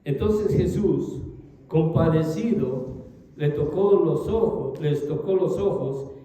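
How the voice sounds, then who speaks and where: A man preaching a sermon to his congregation, reading scripture aloud and swinging between raised calls and low, trailing phrases. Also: slow pace, mellow, recorded from a distance. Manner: addresses congregation as brothers, reads scripture aloud. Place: large echoey hall. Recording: very echoey hall, long reverb.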